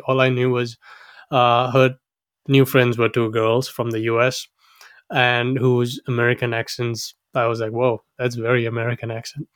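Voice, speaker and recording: Young man, 20s, from Sri Lanka; casual first-person storyteller, mid-pitched and chatty; dry close recording. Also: dry recording. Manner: chatty, with frequent restarts and laughs. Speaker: guest storyteller.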